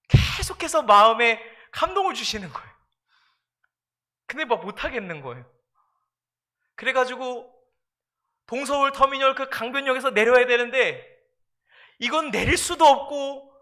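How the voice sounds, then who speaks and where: Very high-voiced emphatic male preacher. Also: pushed and bright. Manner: emphatic, repeats phrases, addresses congregation. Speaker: pastor. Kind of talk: sermon.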